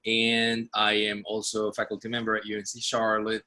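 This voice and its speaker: A man from Puerto Rico, an arts director who also teaches at a university, gives a hesitant, earnest self-introduction over a video call, groping for words. He speaks at a moderate pace in a lowish, monotone voice that sounds pushed and bright.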